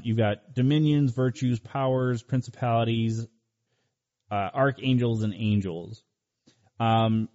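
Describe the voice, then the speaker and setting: Male host, conversational and halting, soft-edged mellow tone, dull audio. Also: medium pitch. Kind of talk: talk show hosting, conversational.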